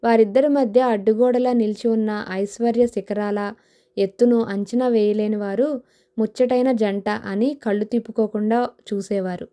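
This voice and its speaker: A woman narrating a novel in a steady storytelling manner. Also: a little high, normal speed. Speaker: audiobook narrator.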